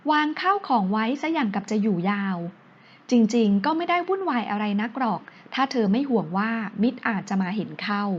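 A flustered, sharp-tongued young woman who snaps and gives orders when cornered, as a woman reads her lines. The voice is high and bright-toned but comes through dull and lo-fi. She sounds exasperated and a little bossy. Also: very animated, brisk, husky. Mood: impatient.

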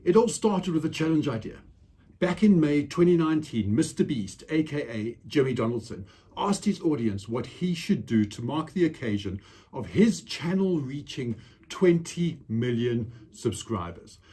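A man's voice: a little high, sing-song, normal speed, warm tone, slightly rough. A man, a guest creator, reading a script aloud with energy. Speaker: guest youtuber.

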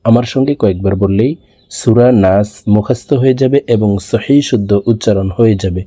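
A man teaching Quran recitation, spelling out syllables slowly and chanting verses high and drawn out. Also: mellow, no echo. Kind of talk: slow spelled-out recitation lesson.

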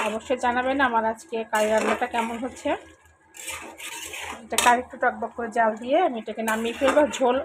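A woman with a hoarse voice, casually talking viewers through her cooking step by step as host of a cooking channel. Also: fairly high pitch. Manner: talks viewers through each step, mixing in English words. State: hoarse, throat trouble. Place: home kitchen. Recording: sizzling pan noise behind.

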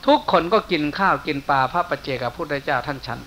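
A monk preaching a sermon with an Isan Thai accent, telling a folk story in folksy speech and softening his voice for quoted lines. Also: on the high side, quick pace. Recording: faint hiss.

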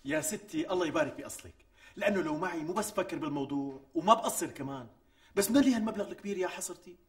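An actor playing a cornered young fiancé with a Damascene Syrian accent, protesting and pleading about money in a TV sitcom. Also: male voice, high-pitched, lively intonation. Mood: exasperated. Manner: exasperated, pleading, quick protests. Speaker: fiancé, shop owner. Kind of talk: TV sitcom acting. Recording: distant mic with faint music.

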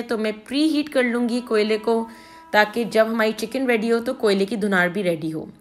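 A woman hosting a cooking channel, calmly narrating a recipe step by step. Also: fairly high pitch. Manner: calm step-by-step instruction. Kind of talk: recipe voice-over.

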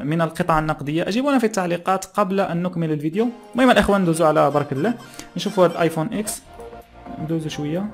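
A young man speaks Moroccan Arabic dialect at a very rapid clip in a slightly high voice, reacting casually and thinking aloud. He is close to the microphone, with some music behind him. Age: young adult. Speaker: YouTube channel host. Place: small plain room indoors. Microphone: close desk microphone.

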